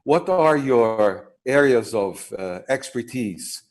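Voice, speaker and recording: An older man hosting a TV interview over a video call, asking friendly, measured questions with some fillers. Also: medium pitch, lively intonation. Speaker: TV host.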